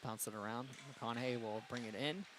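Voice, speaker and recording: A man doing play-by-play commentary for a high school hockey game, brisk and getting louder on big plays. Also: noisy background. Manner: brisk, rises in excitement on goals. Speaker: play-by-play announcer.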